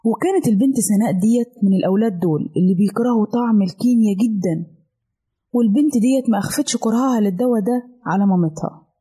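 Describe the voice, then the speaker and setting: A woman's voice: mid-range voice, fast talker, breathy edge. A woman with an Egyptian Arabic accent narrating a children's story with an affectionate, storybook delivery. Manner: warm, affectionate.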